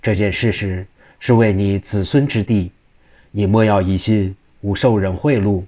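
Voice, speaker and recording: A man's voice: on the low side, fairly even intonation, measured pace, mellow. A man voicing a cunning male secretary to an official, speaking insistently and pleading.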